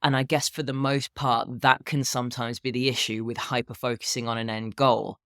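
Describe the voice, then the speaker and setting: A man in his thirties talking casually and candidly on a solo podcast, with a low, unhurried morning voice. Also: little pitch movement, a bit bright, smooth, no echo, studio quality. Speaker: podcast host and health and fitness coach.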